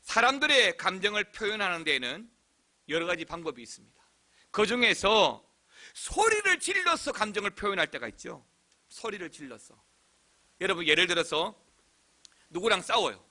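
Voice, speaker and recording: A middle-aged male pastor giving an animated sermon, breaking into shouts and acted cries. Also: sits high, moderate pace, pauses often.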